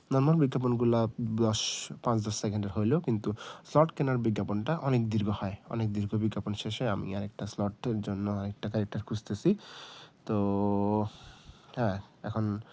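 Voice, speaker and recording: A man giving a casual, chatty phone tutorial, self-mocking and filling pauses with "ah". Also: on the low side, darkish tone. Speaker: tech channel host. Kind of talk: casual screen-recording tutorial.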